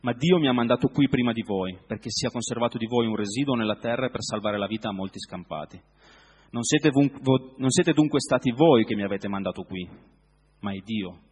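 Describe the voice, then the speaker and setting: A man preaching a sermon in a reflective way, often pausing to search for words. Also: medium pitch, a little mellow, husky, big-room sound.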